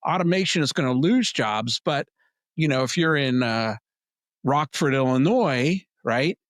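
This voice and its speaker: A man's voice: measured pace, no echo. Emphatic male guest losing his voice. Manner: emphatic, plain-spoken, animated pitch jumps. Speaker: PR agency head, guest. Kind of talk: interview answers.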